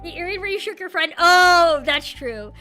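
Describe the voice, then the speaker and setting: Very high, bubbly cute anime streamer woman. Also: expressive, moderate pace, soft background music. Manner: swings from loud shouts to quieter muttering. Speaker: streamer and host of a live stream. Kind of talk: casual live-stream chat with viewers.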